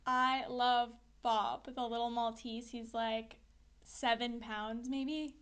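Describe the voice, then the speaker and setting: A woman co-hosting a relaxed podcast who gushes and giggles easily. Her voice sits a little above the usual pitch, and her manner stays loose and chatty. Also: slow pace, smooth. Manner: gushing and giggly. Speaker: podcast co-host. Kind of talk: casual chat.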